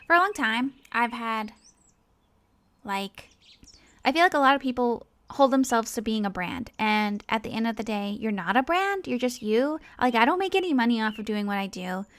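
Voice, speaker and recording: A woman who makes animations and online videos delivers a casual, rambling personal monologue, informal and earnest, often hesitating and cutting herself off. Her voice is fairly high, animated and fairly bright, at a moderate pace, with no room sound.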